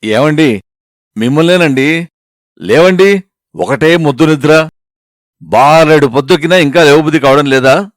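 A man's voice: fairly high pitch, moderate pace, long pauses, no room sound, clean studio sound, natural voice. A man voicing a fussing middle-aged wife who scolds and bosses her husband. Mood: scolding. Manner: scolding, nagging.

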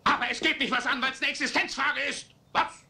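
A man dubbing a hot-tempered, middle-aged rich father in a German film, ranting in shrill, theatrical outbursts. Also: fairly even intonation, a little fast, gravelly, pushed and bright, heavily acted. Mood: raving. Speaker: dubbed film actor.

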